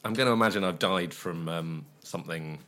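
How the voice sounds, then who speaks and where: A man's voice: low-pitched, a little fast, pushed and bright. A man, a comedian guest on a casual radio chat, talking in a rambling, hesitant way that keeps stopping and restarting. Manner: rambling, hesitant, self-interrupting.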